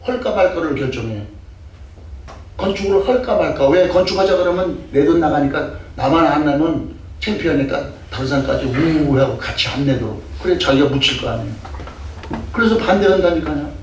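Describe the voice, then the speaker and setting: An older man preaching a fervent sermon with a fairly high voice, firing off rhetorical questions. He sounds far from the microphone in a very echoey church sanctuary with a faint hiss behind him. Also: expressive, fairly quick. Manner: emphatic, rhetorical questions, acts out scolding. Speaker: pastor. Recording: echoey distant church mic with faint noise.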